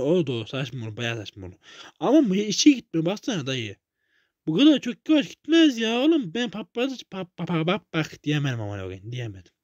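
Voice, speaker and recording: A young man with a Turkish accent giving loose gameplay commentary, swearing freely and breaking into sudden loud outbursts. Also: mid-range voice, no echo, clean studio sound. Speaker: gaming YouTuber.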